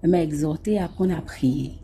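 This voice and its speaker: Woman from Nigeria, casual testimony, mellow voice, faint background noise. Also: low-pitched, a little fast. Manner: lively, acts out scenes, often addresses the listener. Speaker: storyteller.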